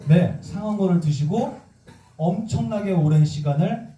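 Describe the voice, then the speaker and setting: Lively monk preaching in an echoey hall. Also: male voice, high-pitched, measured pace, recorded from a distance. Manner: lively, acts out quoted voices and jokes. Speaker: Buddhist monk giving a dharma talk. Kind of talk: sermon with questions to the audience. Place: temple hall.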